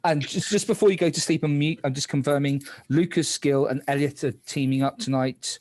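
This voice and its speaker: A man's voice: fairly high pitch, steady tone, brisk, a little mellow. A man hosting a game casually as moderator, giving instructions to the players.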